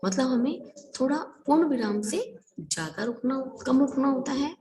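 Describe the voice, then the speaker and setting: A woman's voice: sits high, expressive, normal speed, mellow, poor audio. A woman teaching an online Hindi class, explaining step by step and asking and answering her own questions.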